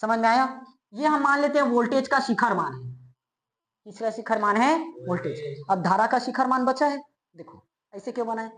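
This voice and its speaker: A male physics teacher giving a classroom lecture. He keeps asking quick checking questions and answers them himself, and he repeats key terms slowly. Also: very high-pitched, lively intonation, a bit bright. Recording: roomy echo, as if in a bare classroom.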